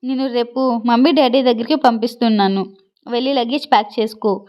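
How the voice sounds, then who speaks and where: A woman's voice: a little high, steady tone, a little fast, darkish tone, smooth, natural voice. A woman voicing a hot-tempered, protective older brother giving harsh orders in a read-aloud story. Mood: angry. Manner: harsh, commanding. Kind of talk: storybook reading.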